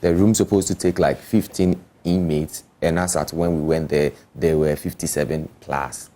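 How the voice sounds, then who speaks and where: A man's voice: very deep voice, fairly even intonation, normal speed, mellow. A man, an artist talking casually and explaining things in an interview. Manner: explanatory, often checking the listener follows.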